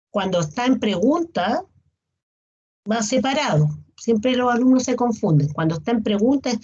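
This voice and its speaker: A woman's voice: fairly high pitch, a little mellow, breathy edge. A woman teacher gives an online class, patiently listing examples and often checking in with her students. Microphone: video call. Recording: dull lo-fi video call audio.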